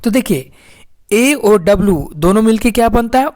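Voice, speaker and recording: A woman's voice: a little high, lively intonation, moderate pace, darkish tone, a little hiss or hum. A woman teaching English phonics in a lesson video, repeatedly asking the viewers questions and answering them herself.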